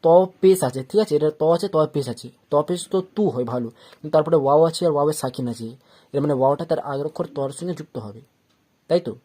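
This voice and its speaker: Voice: medium pitch, fast talker, dark tone. A teacher giving a Quran reading lesson, patiently spelling out letters syllable by syllable and drawing out the long vowels. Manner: patient, repeats each step and checks understanding.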